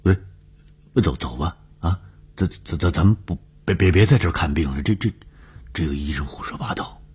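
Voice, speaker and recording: A man's voice: deep voice, dark tone, breathy edge. A man doing a stammering frightened patient. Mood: panicked. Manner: stammering, hurried.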